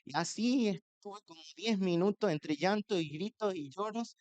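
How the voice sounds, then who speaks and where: A man's voice: sits high, moderate pace, a little mellow, dull audio. A man, a pastor with a Rioplatense Spanish accent, sharing an earnest, emotional personal testimony in church.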